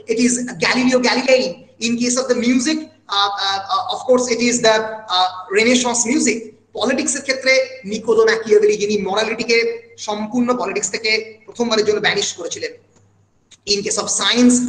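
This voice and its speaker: Man, high voice, literature lecture, many "uh" fillers, roomy echo. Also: a bit bright. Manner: recites quotations with feeling. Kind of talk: online lecture mixing Bengali and English.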